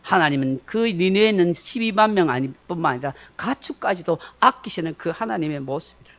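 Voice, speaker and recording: A man's voice: high-pitched, lively intonation, a little fast, fairly bright tone. A middle-aged male pastor preaching a Sunday sermon, telling the story dramatically and acting out quotes.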